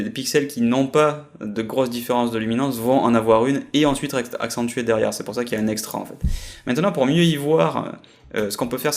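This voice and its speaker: A man giving a screen-recorded software tutorial, explaining step by step with frequent hesitations. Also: medium pitch. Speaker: software trainer.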